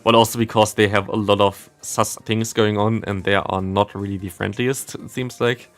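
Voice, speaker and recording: This livestreamer and content creator from Germany speaks with a German accent in a lowish voice, at a moderate pace and with fairly even intonation. He rambles and pokes fun at himself while casually commentating a game and chatting, with game music behind him.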